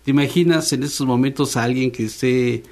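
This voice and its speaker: A man's voice: medium pitch, brisk, a little mellow. Mexican guy hosting radio chat, keeps tossing in little questions, mid voice. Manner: chatty, frequent tag questions. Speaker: radio host. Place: radio studio.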